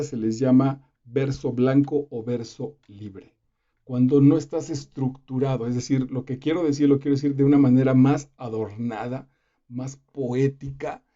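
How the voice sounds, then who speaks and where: A man gives a relaxed literature lesson, talking straight to the viewer with asides and fillers. His voice is very dark and mellow, at a middle pitch. The recording sounds a little dull and lo-fi. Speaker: literature teacher. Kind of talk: casual explanatory lesson.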